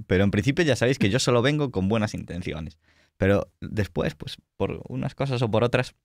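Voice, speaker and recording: This Spanish man, with an accent from Spain, hosts and game-masters a tabletop roleplay show, casually introducing the players on a livestream with jokes. His fairly low voice is recorded dry, with no room sound, as he trades teasing, mock-boastful banter.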